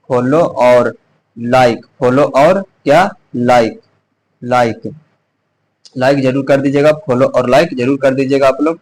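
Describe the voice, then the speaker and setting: A male teacher with a hoarse throat running a quiz-style exam revision lesson, repeating each question and answer with frequent restarts. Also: mid-range voice, a little mellow, poor audio.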